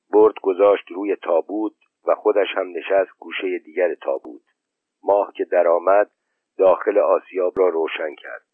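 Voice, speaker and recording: A man with a lowish voice narrates an audiobook in a measured, steady storytelling style. The recording is dry, tinny and narrow-band.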